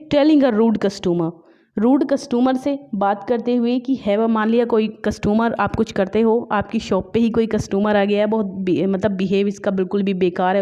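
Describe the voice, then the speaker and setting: A woman teaching English literature for exam prep, explaining in Hindi mixed with English, often checking in with "है ना?" and reading English examples slowly. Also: on the high side, warm tone. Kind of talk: online exam-prep class. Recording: dull lo-fi recording.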